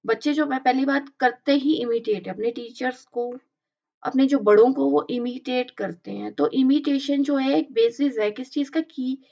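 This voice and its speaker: A woman teacher giving a lecture, explaining in Hindi and reading English lines slowly and deliberately. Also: sits high, vocal fry. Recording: slightly dull lo-fi audio.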